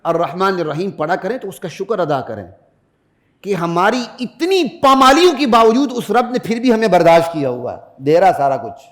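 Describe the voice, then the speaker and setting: Middle-aged mufti preaching a friday sermon, high voice, swings from loud peaks to quiet asides, chants verses. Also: male voice, sing-song. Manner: emphatic preaching, rises to loud peaks, drops to low asides; recites Arabic verses in melodic chant.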